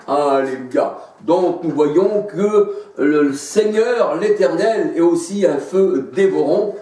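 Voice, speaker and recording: Slow, echoey French-speaking preacher. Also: male voice, fairly high pitch, warm tone. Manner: halting, searches for verses, frequent hallelujahs. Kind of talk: sermon. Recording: echoey room, voice far from mic.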